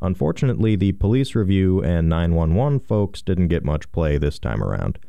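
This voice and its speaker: A man's voice: deep voice, sing-song, moderate pace, gravelly, warm tone, smooth, dry recording, lo-fi sound. A man narrating a scripted radio news report as a field reporter.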